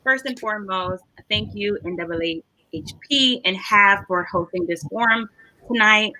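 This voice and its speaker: A woman's voice: medium pitch, moderate pace, sharp tone, no echo, poor audio. A young woman introducing herself as a candidate in a polished, confident way. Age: young adult. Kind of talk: prepared self-introduction.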